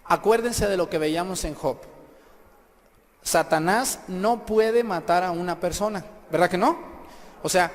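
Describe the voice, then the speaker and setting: A man, a priest giving an emphatic sermon and questioning the congregation. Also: sits high. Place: church. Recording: echoey hall, faint background ambience.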